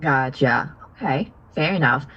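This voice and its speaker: A young woman from Vietnam, a business partner chatting casually on a video call, friendly and asking questions with fillers and soft laughs. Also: deep voice, measured pace, muffled recording, a little hiss or hum.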